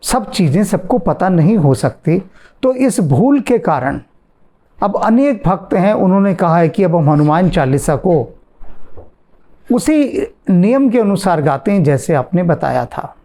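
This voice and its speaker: A man teaches in a devotional question-and-answer talk, taking his time over every phrase. His voice sits a little high but sounds dark and mellow, with a gravelly texture. He circles back to the same words again and again to drive the point home. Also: sing-song. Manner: slow, deliberate explaining, repeats phrases for emphasis. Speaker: spiritual teacher.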